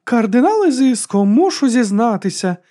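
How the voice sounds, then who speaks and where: A man's voice: high voice, expressive, fast, dark tone, voice pushed up. A man putting on a sly, mocking woman. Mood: sing-song mockery. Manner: sing-song and mocking.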